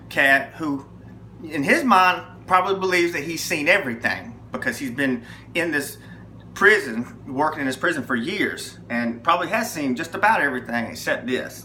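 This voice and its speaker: A man's voice: a little high, a little hiss or hum. A man telling a personal testimony, emphatic and storytelling. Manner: emphatic, lively storytelling with acted quotes. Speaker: testimony speaker. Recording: echoey room with faint ambience.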